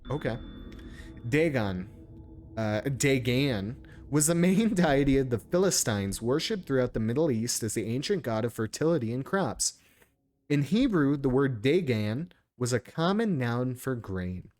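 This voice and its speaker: Streaming a game, a man comments casually and reads text aloud, informal and sometimes stumbling over words. His medium-pitched voice is very animated yet a little slow and somewhat mellow, with slight background noise.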